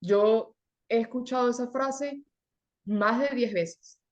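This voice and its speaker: A young adult woman from Venezuela, a guest in an interview, telling her story in an earnest, animated way, often repeating words for emphasis. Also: a little high, takes it slowly, lo-fi sound. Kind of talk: conversational interview.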